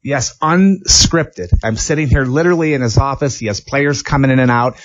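A man's voice: mid-range voice, normal speed, no echo, dull audio. A man hosting an interview in an office, telling stories with enthusiasm and acting out what people said. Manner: enthusiastic storyteller, acts out quotes. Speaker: interview host, former hockey player. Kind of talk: casual interview.

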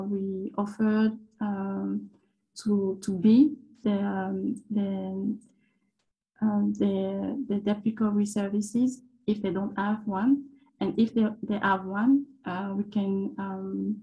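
A woman from Ivory Coast with an Ivorian French accent, answering interview questions haltingly as she searches for words. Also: medium pitch, dark tone, rough recording. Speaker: startup founder and guest.

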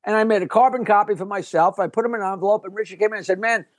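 An older man, a comedian guest, telling stories in a lively, rambling way, often breaking off and restarting with a chuckle. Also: high voice, very fast, no room sound. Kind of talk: casual storytelling interview.

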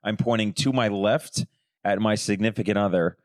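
A lower-voiced man co-hosting a casual banter podcast, trading playful wisecracks and stories. His voice sounds dry and close, with no room echo. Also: normal speed. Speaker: podcast co-host. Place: home room called Florida room.

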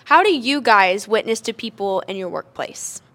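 A young adult woman hosting a podcast, telling stories and asking questions with enthusiastic, animated energy. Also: mid-range voice, normal speed. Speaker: podcast host. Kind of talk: casual chat.

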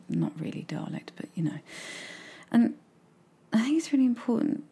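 A woman with a regional British accent who drops her consonants talks reflectively about her writing, often sinking into a near-whisper. Her voice is low, dark and husky, with a mellow, unhurried warmth. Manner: soft-spoken, often drops to a whisper, musing. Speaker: writer vlogging about her novel draft. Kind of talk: casual reflective talk to camera.

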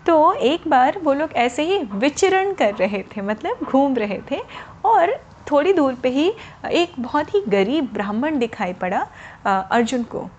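A woman telling a story to children in a gentle manner, explaining words simply as she goes. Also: high voice, sing-song, a little slow, lo-fi sound, slight background noise.

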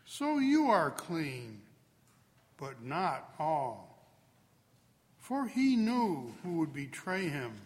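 A man, a priest or deacon, reads a Gospel passage at Mass in a slow, solemn, deliberate way. He sounds like he is in a large church. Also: huge pitch swings, darkish tone. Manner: slow, deliberate reading with wide swings in pitch. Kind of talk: solemn liturgical Gospel proclamation. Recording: long reverb of a large church.

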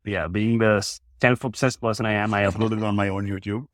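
Brief: relaxed guest, man in his 30s from Russia, low voice, close dry mic. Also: no echo. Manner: laid-back, laughs often, many fillers. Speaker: podcast guest, content creator. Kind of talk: casual chat.

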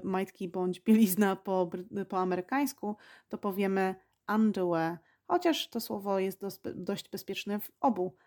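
A woman hosting a podcast lesson, speaking slowly and patiently and repeating each word for learners. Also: mid-range voice, a little mellow. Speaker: English teacher and podcast host.

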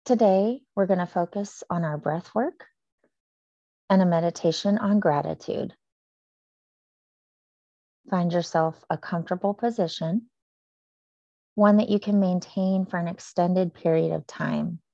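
A woman leading a guided breathing meditation, speaking slowly and softly with long pauses. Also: on the low side, no room sound, dull audio. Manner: slow, soft and soothing with long pauses.

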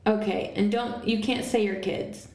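A woman's voice: mid-range voice, steady tone, moderate pace, darkish tone. A woman co-hosting a church podcast in casual chat, laughing often. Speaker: podcast co-host. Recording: roomy echo.

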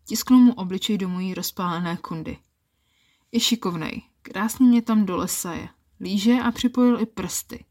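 A woman telling a first-person erotic story in a calm, intimate storytelling manner. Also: medium pitch.

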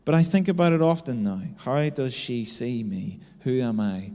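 With a mellow, medium-pitched voice at a moderate pace, a man in his thirties preaches a conversational, story-driven sermon as a pastor, repeatedly adding "right?" to his sentences. The sound carries the long reverb of a hall.

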